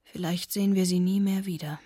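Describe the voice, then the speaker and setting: A woman with a husky voice reading the lines of a middle-aged father, hushed and quiet. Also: fairly low pitch, fairly even intonation, brisk, no room sound, clean studio sound. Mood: remorseful. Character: remorseful middle-aged father, shaken and pleading.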